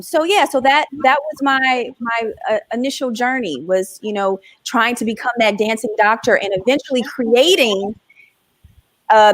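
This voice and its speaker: A woman's voice: mid-range voice, no room sound. A woman physician telling her story in a reflective interview answer. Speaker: physician guest.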